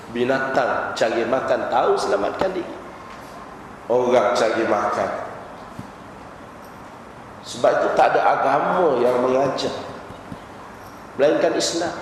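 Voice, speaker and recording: A man with a Malaysian Malay accent giving a sermon as a religious teacher, telling stories and asking the audience rhetorical questions. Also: mid-range voice. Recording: very echoey hall recording, faint noise.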